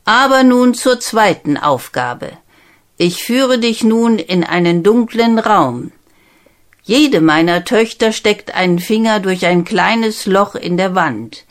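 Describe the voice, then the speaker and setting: Eine Frau, die in einer Märchenlesung einen strengen, misstrauischen alten König spricht, langsam und nachdrücklich. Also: female voice, medium pitch, expressive, slow. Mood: stern. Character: stern old king, commanding and suspicious.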